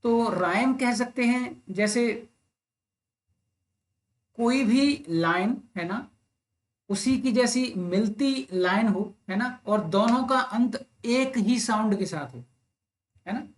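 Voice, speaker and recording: A man teaching an exam-prep literature lesson online, explaining step by step, often checking in with the listener, and reading English verse lines very slowly. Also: extremely high pitch. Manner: explains step by step with frequent "right?" tag questions.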